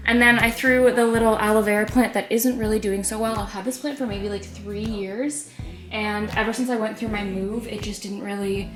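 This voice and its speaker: A woman's voice: mid-range voice, fairly even intonation, normal speed. A young woman in her twenties chats casually through a home vlog, upbeat and loose, with plenty of fillers. Her voice sounds roomy and echoey. Music plays underneath. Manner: chatty, upbeat, many fillers like "like" and "um". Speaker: vlogger. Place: inside a home.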